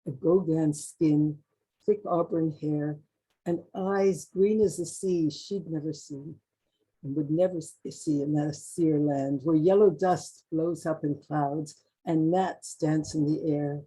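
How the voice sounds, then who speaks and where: Slow, husky older woman reading poetry. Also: low voice, steady tone, dark tone, poor audio. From Canada. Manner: slow, measured recitation with occasional restarts. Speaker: poet.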